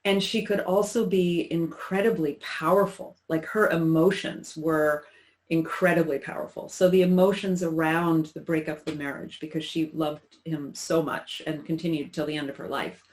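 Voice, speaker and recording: A woman in her sixties recalling her childhood in an interview, talking in a halting, reflective way with many restarts. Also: sits low, fairly even intonation, darkish tone, rough recording. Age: 60s. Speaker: interview guest. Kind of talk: personal recollection in conversation.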